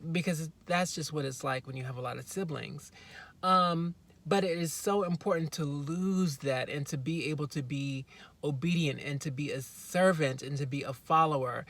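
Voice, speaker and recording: Earnest chatty woman vlogging about faith. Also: sits low. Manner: chatty, earnest, bursts into loud emphatic moments; rambling with restarts and asides. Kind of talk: casual spiritual self-help talk.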